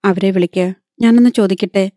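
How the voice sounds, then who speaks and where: A woman voicing a proud, hot-tempered aging wealthy father in an audiobook, commanding yet soft with his daughter. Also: high voice, steady tone, a little fast, no room sound, studio quality, natural voice. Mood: angry.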